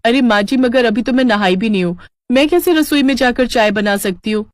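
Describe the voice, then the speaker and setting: A woman voicing a vain, touchy young daughter-in-law in a storybook tale, with a shrill, excitable way of talking. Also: a little fast, dry recording, clean studio sound, lightly acted. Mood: pleading. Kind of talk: storybook character voice.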